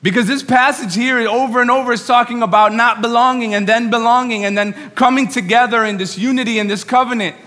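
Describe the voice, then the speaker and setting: High-pitched, excitable New preacher man. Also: quick pace, hardly any pauses. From New York. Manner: excitable, earnest, repeats and rephrases. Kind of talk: sermon to a congregation. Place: large room, speaking to an audience. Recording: reverberant hall sound.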